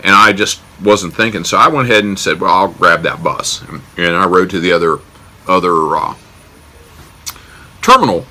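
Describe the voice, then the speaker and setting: A man's voice: deep voice, moderate pace, pauses often, sharp tone. An American man telling a casual personal anecdote in a wry, self-deprecating, joking way. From United States. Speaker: storyteller.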